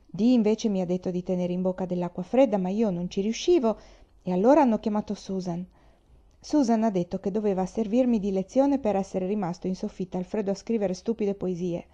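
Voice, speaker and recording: Brief: woman reading as a sensitive, fearful young boy, soft and pleading, warm voice, muffled recording. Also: mid-range voice, brisk, natural voice. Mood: plaintive.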